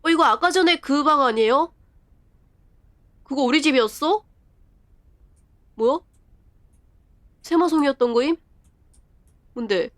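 A woman live-streaming a horror game, chatting and reading the game's text aloud as she plays. She often breaks into quick strings of repeated exclamations. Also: sits high, fairly bright tone, no room sound. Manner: bursts of rapid repeated exclamations.

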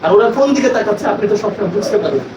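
Male teacher trainer with a high voice, quizzes the room, spells words letter by letter, echoey hall with noise. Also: lively intonation, very fast. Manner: questioning, instructive, spells words aloud.

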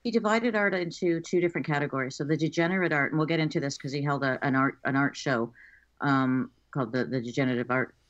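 A woman's voice: deep voice, fast talker. A woman guest explains her subject in a loose, conversational interview. Her talk is full of ums and restarts as she works through her points. The audio is a bit dull and lo-fi, as if over a remote call. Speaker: guest expert on art crime.

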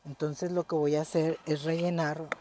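A woman's voice: sits low, little pitch movement, normal speed, mellow. Chatty woman fussing over a plant. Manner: chatty, fussing tenderly over the plant, keeps saying "look". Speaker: gardening vlogger. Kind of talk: casual home gardening vlog.

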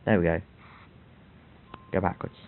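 A man's voice: deep voice, steady tone, a little slow, gravelly. A man giving rambling game walkthrough commentary with self-mocking asides. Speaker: game tutorial host. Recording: tinny phone-like audio.

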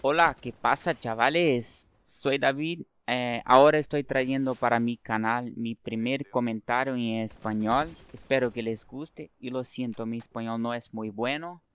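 A man from Brazil with a Brazilian accent, a native Portuguese speaker, giving gameplay commentary to his viewers in simple, halting non-native phrasing. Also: medium pitch, steady tone, fairly bright tone, smooth. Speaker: gaming video creator.

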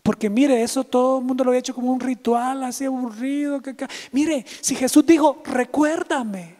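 A male pastor, preaching a livestreamed sermon in a lively, teasing way and calling out to chat viewers. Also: very high-pitched, a little fast, in a large hall.

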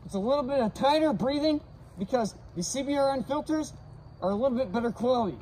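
A man's voice: animated, quick pace, dark tone, slight background noise, poor audio. A young man speaking through a gas mask while casually demonstrating safety gear in a brash, swearing way. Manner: brash, swearing, breathing deeply. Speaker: vlogger testing safety gear.

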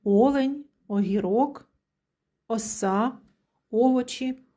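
A woman teacher leads a children's phonics lesson, drawing out each sound slowly and clearly. Her voice is soft and mellow, never sharp. She praises and encourages the children throughout. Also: a little high.

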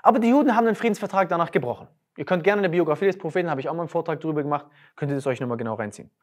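A woman's voice: low voice, racing. A woman giving a religious lecture, emphatic and firing off rhetorical questions.

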